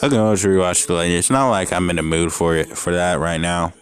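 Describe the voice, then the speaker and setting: A young man rattles quickly through a fan story in a low voice with fairly even intonation. He reads casually and unevenly, stumbling and interrupting himself to joke and swear.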